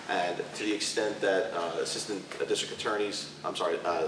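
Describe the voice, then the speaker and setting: A man from a prosecutor's office speaking on a panel, halting with many fillers. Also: sits low, background noise. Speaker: prosecutor on a treatment court panel. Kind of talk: panel presentation. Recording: echoey room from far off.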